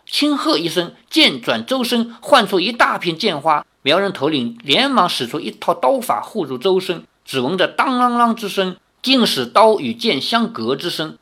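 A woman reading a novel aloud, expressive, with casual asides to her listeners. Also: lowish voice. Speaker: storyteller.

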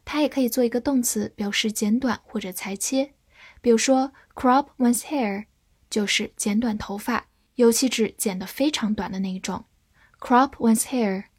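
Slow, careful woman teaching vocabulary. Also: on the high side, darkish tone, dry recording. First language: Chinese. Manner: spells words letter by letter and reads example sentences very slowly. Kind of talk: slow, deliberate vocabulary lesson.

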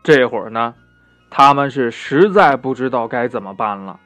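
A man narrating a children's story in a gentle, unhurried way, stretching out the little particles at the ends of phrases. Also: medium pitch, lively intonation, faint music behind.

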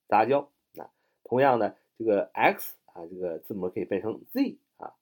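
With a husky, medium-pitched voice, a man explains English words through memory tricks and spells each one letter by letter. His delivery is chatty and animated, peppered with "啊" fillers.

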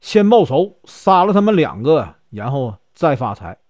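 A man's voice: a little high, very animated, measured pace, a little mellow, no room sound, clean studio sound. A man voicing a greedy, scheming innkeeper who gives orders urgently, in a told folk story. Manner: urgent, commanding.

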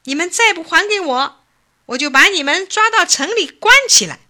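A woman voicing an angry old man who sells straw hats, scolding loudly. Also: very high-pitched, expressive, moderate pace, pitched above the performer's own voice, heavily acted. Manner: scolding, shouting at mischievous monkeys.

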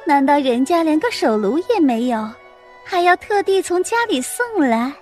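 A delicate but sharp-tongued teenage girl, put on by a man in a children's story reading. Her voice is pitched very high and thin, and her words come out teasing and mocking. Soft music plays faintly behind her. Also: big pitch swings, moderate pace.

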